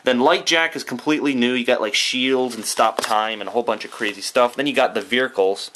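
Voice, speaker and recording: A man's voice: mid-range voice, a little fast, fairly bright tone, a little hiss or hum. A young man casually talking through an unboxing in his bedroom, rambling, thinking aloud and swearing offhandedly. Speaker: YouTuber doing an unboxing.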